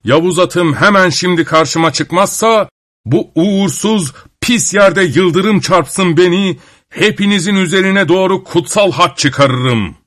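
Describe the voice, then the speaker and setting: A man voicing a stubborn, hot-tempered old grandfather in a storybook reading, defiant and shouting. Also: high voice, wildly swooping pitch, measured pace, no echo, studio quality, voice pushed up, heavily acted. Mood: furious.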